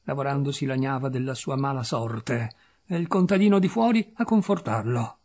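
A man giving an expressive, dramatic reading of a literary short story. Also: medium pitch, moderate pace. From Italy. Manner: dramatic, animated narration. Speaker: narrator.

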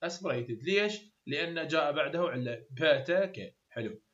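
Higher-voiced Iraqi male tutor, roomy lo-fi. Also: fairly quick, bright, forceful tone. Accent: Iraqi Arabic. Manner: repeats example sounds over and over, plain explaining. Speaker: university English tutor. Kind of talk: explanatory lecture. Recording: roomy, dull lo-fi sound.

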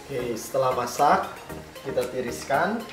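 A chef in his thirties cooks at home in a bright kitchen, walking through each step and posing questions he then answers himself. His medium-pitched voice has lively intonation and a slightly slow pace. The casual demo is recorded in a roomy kitchen with background music.

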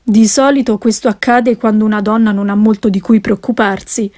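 A woman reading an audiobook, voicing a calm, ironic middle-aged husband who teases his wife dryly. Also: medium pitch, fairly quick, natural voice. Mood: wry.

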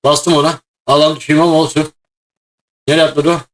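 A man plays through a mobile shooter match and talks the whole way, loud and easily excited, often breaking into shouts. His voice sits slightly higher than most men's. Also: brisk. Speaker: gaming video host. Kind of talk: excited mobile-game play chat.

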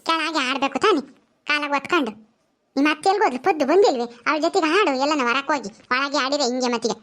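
A woman's voice: high voice, very fast, a bit bright. An older woman, talking casually in a home vlog, soothing and scolding a crying grandchild. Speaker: grandmother comforting a child.

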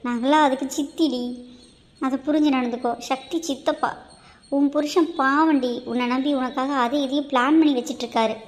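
A woman's voice: high voice, darkish tone, natural voice. A woman voicing a younger sister in a cartoon who scolds and reproaches her older sister. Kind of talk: amateur cartoon voice acting.

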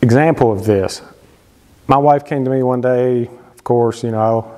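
A man's voice: mid-range voice, measured pace, warm tone. Chatty man in a reverberant workshop. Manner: conversational, gestures a lot, frequent fillers. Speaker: woodworking channel host. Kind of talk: casual instructional talk to camera. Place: wood-paneled home workshop, indoors.

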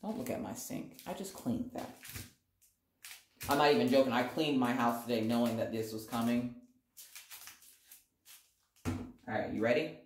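A woman vlogger doing a chatty, excitable unboxing, recorded by phone in a small bathroom with the door closed, so her voice echoes. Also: rumbling low, moderate pace, long pauses. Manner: excitable, self-deprecating chatter. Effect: echoey bathroom sound. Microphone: phone camera. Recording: echoey bathroom, faint background noise.

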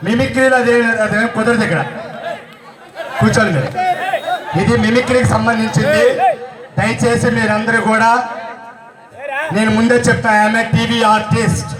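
High-voiced guy hosting a mimicry show outdoors, loud and chatty, echoey and far off with a crowd. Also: little pitch movement, normal speed, pauses often. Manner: loud, chatty, teasing the audience. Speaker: mimicry artist and stage host. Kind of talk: live stage comedy banter. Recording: echoey outdoor stage, distant, crowd noise.

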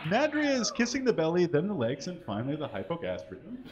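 On a small curtained stage in front of a live audience, a male comedy performer reads fan fiction into a stand-mounted mic with a mock-earnest, exaggerated delivery, calling out every mistake and punctuation mark. His voice sits on the high side, swoops wildly in pitch, and moves fairly quickly. The audio is dull and carries background noise.

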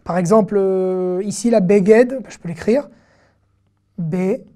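A woman gives an online language lesson in a mellow, warm voice. She says each word two or three times and explains it step by step. Her tone stays patient throughout. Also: mid-range voice, slow pace. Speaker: Hebrew teacher.

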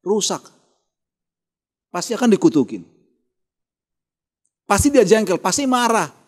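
This Indonesian-accented male pastor preaches a morning devotional with a high, bright-sounding voice that swings widely up and down. He reads a passage aloud, then fires questions at the congregation and answers them himself. His delivery is animated and conversational rather than solemn. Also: measured pace. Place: church.

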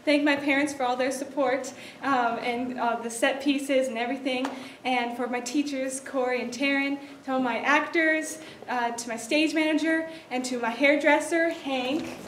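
Captured from afar by an audience member's camera in an echoey indoor theatre, the noisy recording has a young adult woman chatting informally as the show's director. She giggles as she introduces it. Her high voice moves at normal speed with fairly even intonation.

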